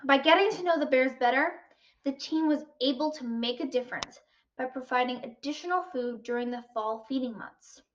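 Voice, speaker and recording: A woman's voice: high-pitched, moderate pace. A girl of about twelve giving a prepared school speech on wildlife in a careful, formal recitation. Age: child, about 12. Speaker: student speaker. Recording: distant, slightly muffled mic.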